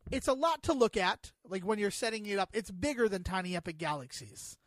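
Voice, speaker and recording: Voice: medium pitch, animated, a little fast. A podcast co-host chatting about a board game, enthusiastic and rambling while searching for the right words. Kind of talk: board game review chat.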